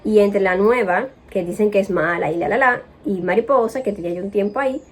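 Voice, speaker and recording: A woman of middle pitch telling a personal storytime. She speaks in a casual, animated way and sounds indignant as she repeats what was said to her and how she answered. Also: brisk. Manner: animated, indignant retelling with quoted speech.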